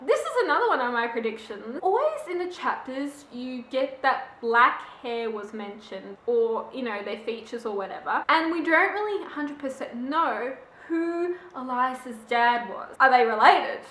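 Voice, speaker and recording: A young woman chatting casually about a book she read, animated and opinionated. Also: sits high, unhurried, few pauses, a little hiss or hum. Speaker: book vlogger. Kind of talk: casual book review chat. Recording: echoey room.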